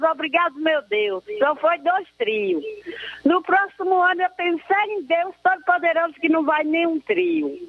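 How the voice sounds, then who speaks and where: A woman's voice: extremely high pitch, no echo. A woman caller, speaking earnestly and devoutly in a rambling way, heard over a phone line. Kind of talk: emotional call-in complaint.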